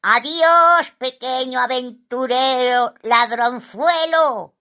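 A woman's voice: mid-range voice, very animated, slow pace, bright, forceful tone, heavily acted. A woman voicing an old, clever and sly female magpie in a storybook reading, with a bossy, teasing manner. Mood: friendly. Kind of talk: storybook narration.

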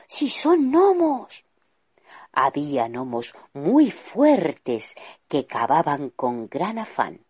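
A woman with a Spain Spanish accent reading a bedtime story to children, slow and gentle, husky. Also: very deep voice, dry recording.

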